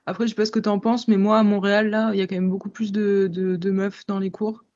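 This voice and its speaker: Woman in her twenties, podcast chat, hesitant, mid pitch, slightly muffled. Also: level tone, quick pace, a little mellow. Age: 20s. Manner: thoughtful, conversational, frequent hesitations. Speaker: podcast guest. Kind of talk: casual podcast discussion.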